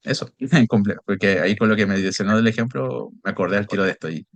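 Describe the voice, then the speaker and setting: Deep-voiced man lecturing. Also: dry recording. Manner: measured, frequent tag questions. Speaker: seminar presenter. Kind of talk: explanatory seminar talk.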